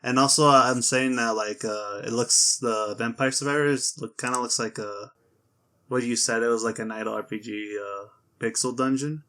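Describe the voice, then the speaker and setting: A man's voice: mid-range voice, steady tone, moderate pace, sharp tone. A young man co-hosting a podcast, talking hesitantly with many fillers. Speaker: podcast co-host. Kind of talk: casual chat.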